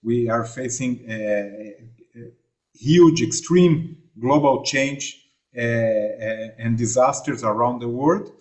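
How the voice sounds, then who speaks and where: Remote speaker, male, from Argentina, halting delivery over a video call, mid-pitched. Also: a little mellow. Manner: halting, many fillers and restarts.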